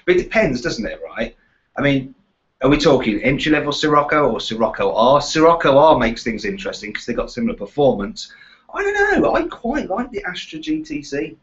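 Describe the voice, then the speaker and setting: A man's voice: medium pitch, big pitch swings, a little fast. A British man presenting a casual car question-and-answer chat in a chatty, bantering way. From Walsall, West Midlands of England. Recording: slightly dull, lo-fi sound.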